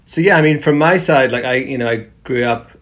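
A man in his thirties from Northern Ireland leading a casual podcast chat, relaxed and full of fillers. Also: medium pitch, fairly quick. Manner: relaxed, lots of fillers and hedges. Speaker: podcast conversation lead.

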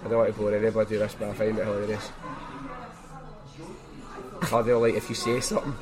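A man's voice: fairly low pitch, flat delivery, quick pace, over music. A man with a strong Glaswegian Scottish accent hosting a podcast, telling stories in a casual, colloquial way with opinions of his own. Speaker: podcast host. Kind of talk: casual anecdotal chat.

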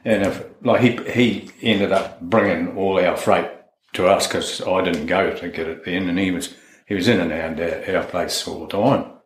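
Deep-voiced man with a broad Kiwi accent. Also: fairly even intonation, moderate pace. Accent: broad New Zealand. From New Zealand. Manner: plain-spoken, no-nonsense, mildly sweary. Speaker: interviewee, friend of the person discussed. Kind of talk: informal recollection in a sit-down interview. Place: indoors in a house. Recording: roomy, echoey home interview.

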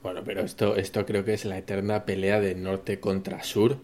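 A man's voice: low voice, flat delivery, normal speed, a little mellow, a little hiss or hum. A man with an accent from Spain hosting a casual podcast chat, asking friendly questions. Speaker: podcast host.

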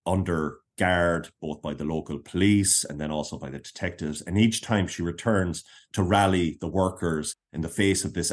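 A man speaking as a guest historian in an interview, telling a story in measured, short phrases. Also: deep voice, a little mellow. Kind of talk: explanatory interview talk.

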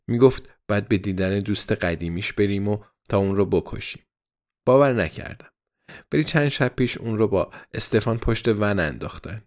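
A man with a fairly low voice reads a novel aloud as a first-person diary. His delivery stays even and measured, a steady storyteller's pace through the entries. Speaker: audiobook narrator.

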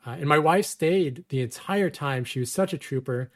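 A man's voice: a little high, moderate pace. A man in his thirties casually telling a personal story, wry and self-deprecating, laughing often. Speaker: storyteller guest.

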